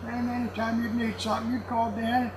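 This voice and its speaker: Speaking fairly quickly at an extremely high pitch with little pitch movement, a man in his seventies rambles through casual stories, folksy and salty, laughing as he goes. A crowd is audible in the background of the noisy block-walled warehouse room he's in.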